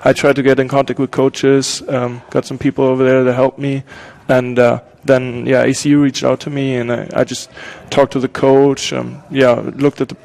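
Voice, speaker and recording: Man, young, German accent, gravelly, monotone, hesitant interview answers. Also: mid-range voice, moderate pace, hardly any pauses. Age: young adult. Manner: hesitant, many ums and restarts. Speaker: college soccer player guest.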